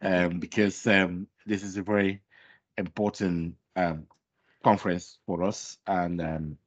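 A man giving a conference talk while he has a cold, speaking haltingly with many pauses and ums. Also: sits low, flat delivery. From Scotland. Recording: dull lo-fi conference recording.

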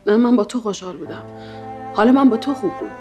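A young woman in a TV drama, pleading with her cousin, as an actress plays her. Her voice sits high and insistent. A loud music score plays under her. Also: lively intonation, dull audio, natural voice. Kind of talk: TV drama acting.

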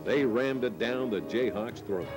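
An American man reading scripted sports highlight narration in measured, dramatic phrases with pauses. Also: music in the background.

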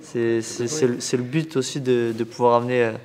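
A young man talks about boxing in a casual, halting way, repeating words when he gets excited. His voice carries a long reverb from a boxing gym hall. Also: mid-range voice. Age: young adult. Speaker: boxer and club coach. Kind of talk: casual interview.

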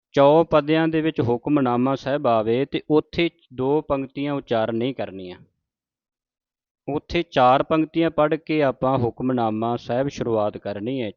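A man teaching scripture recitation, his voice in a middle pitch. He draws each verse out slowly and carefully, then turns to plain explanation. The recording is dry and a little dull. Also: dry recording. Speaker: Gurbani pronunciation teacher.

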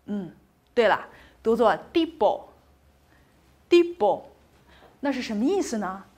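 A woman's voice: on the high side, lively intonation, moderate pace, darkish tone, husky. A woman teaching a recorded pronunciation lesson, patient and encouraging, saying each sound twice and asking the class questions before answering them herself.

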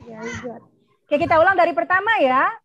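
A woman teacher with an Indonesian accent gives a lesson over the radio, speaking slowly and carefully so children can repeat after her. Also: extremely high pitch, animated, a bit bright, dry recording. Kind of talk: bilingual reading lesson on radio. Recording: dull, lo-fi radio broadcast.

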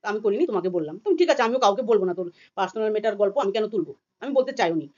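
Rapid-fire agitated woman on lo-fi audio. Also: medium pitch, animated, darkish tone. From India. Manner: rapid and agitated, acting out quoted voices. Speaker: vlogger. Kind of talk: heated personal vlog rant.

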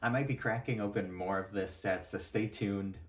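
A man's voice: fairly low pitch, steady tone, normal speed. A young man giving casual, laid-back commentary as he hosts a card-opening video. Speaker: card-opening channel host.

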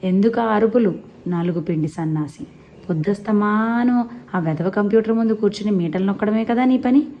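A woman voicing a sharp-tongued old village grandmother who scolds nonstop, on a slightly dull recording with faint hiss. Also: mid-range voice, normal speed, close to an everyday voice. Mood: scolding. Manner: nonstop scolding, loud and forceful.

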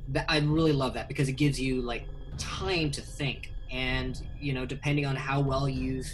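A man in his thirties from Indonesia, an animated filmmaker hosting a casual video-call interview from a small bedroom, talking with many fillers. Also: medium pitch, normal speed, soft background music, rough recording. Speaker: filmmaker and host. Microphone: webcam video call.

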